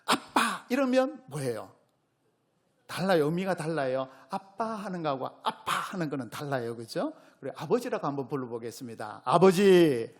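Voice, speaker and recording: A male pastor with a Gyeongsang accent preaching a sermon, questioning his congregation and rising to loud exclamations. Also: on the high side, sing-song, normal speed. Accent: Gyeongsang Korean. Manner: call-and-response preaching, asks the congregation questions.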